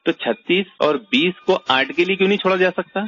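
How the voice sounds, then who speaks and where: A man's voice: sits high, fairly bright tone, no room sound. Guy lecturing in a debate chat, keeps firing rhetorical questions, muffled dry audio. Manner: argumentative, rhetorical questions, emphatic. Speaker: religious teacher.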